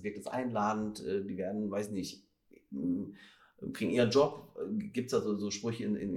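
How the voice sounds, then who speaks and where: A man's voice: lowish voice, darkish tone. A man in his thirties from the Ruhr area, a dentist talking at ease on a podcast, with lots of fillers. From Ruhr area, Germany. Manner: chatty, many fillers, drawn-out phrases. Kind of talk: relaxed podcast conversation.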